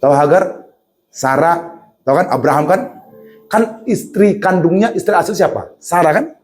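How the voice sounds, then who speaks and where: A man preaching a lively sermon in a church, asking his congregation questions and acting out the voices in his stories. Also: a little high, moderate pace. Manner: animated, acts out voices, asks the congregation questions.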